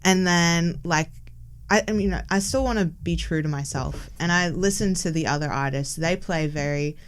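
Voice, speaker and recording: A young woman from Hong Kong who grew up in Melbourne chats casually as a podcast guest in an interview, laughing often and filling her talk with lots of "like." Her voice is fairly low, clear and resonant, at a normal speed.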